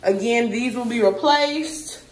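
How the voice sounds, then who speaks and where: Filming on a phone as she walks, a woman vlogger casually tours her new empty apartment indoors, talking to viewers in informal slang. Her voice is a little high and a little slow. The audio is poor, with a bit of hiss or hum.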